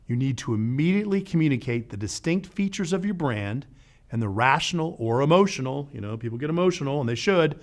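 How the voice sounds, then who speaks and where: A man hosting an educational show, narrating a script in a lively way with playful asides. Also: medium pitch. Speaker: podcast host.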